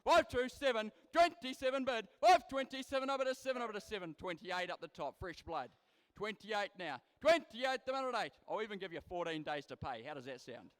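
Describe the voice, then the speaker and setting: High-pitched young Kiwi man chanting as an auctioneer. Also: animated, a little fast, in a large hall. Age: young adult. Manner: repetitive, rhythmic number patter, forceful calls to bidders. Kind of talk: livestock auctioneer's rapid chanting bid-calling.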